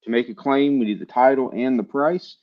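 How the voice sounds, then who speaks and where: A relaxed, chatty man from Texas runs a live-streamed comic book sale, his voice sitting at an ordinary middle pitch. He talks casually and loosely, with plenty of ums and uhs. The audio sounds a little dull and muffled. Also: a little fast. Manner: relaxed, chatty, many fillers.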